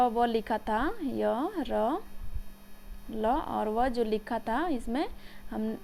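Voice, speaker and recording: High-voiced woman teaching grammar. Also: creaky, darkish tone, slight background noise. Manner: checks understanding with frequent "samajh gaye?"; slows down to dictate key terms. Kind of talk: exam-prep lesson explaining letters.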